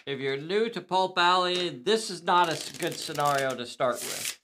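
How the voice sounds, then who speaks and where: A man's voice: a little high, moderate pace, sharp tone, a little hiss or hum. A man hosting a casual live game stream, chatty and jokey, tossing in silly impressions.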